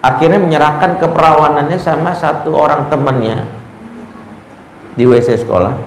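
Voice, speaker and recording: Speaking at an ordinary pace in a fairly high voice, a male Islamic preacher tells stories during a talk on parenting. He performs the dialogue in different voices with lively energy, recorded in a room with echo and light ambient noise.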